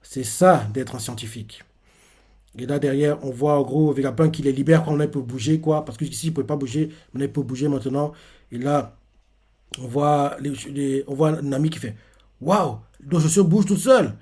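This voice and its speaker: A man's voice: mid-range voice, fairly even intonation, moderate pace, warm tone, slightly rough. Man rambling through a manga recap. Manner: rambling, filler-heavy, restarts often. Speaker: manga reaction host. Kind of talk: casual live reaction commentary.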